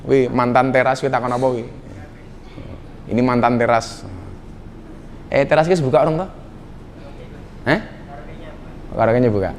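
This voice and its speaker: A middle-aged man with a Javanese accent and a mid-range voice preaches jokingly to a live nightclub audience, teasing them and dropping in Javanese slang. He speaks at a moderate pace, pausing often, and there's a slight hiss or hum in the recording.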